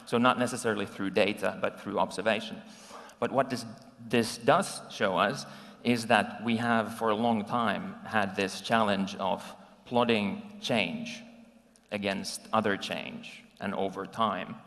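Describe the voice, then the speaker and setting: A man from Finland speaks to a conference crowd in a low, gravelly voice. He talks conversationally, pausing with ums and restarting his sentences. The live recording carries the long reverb of a large hall. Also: fairly even intonation, a bit bright. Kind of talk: conference talk with slides.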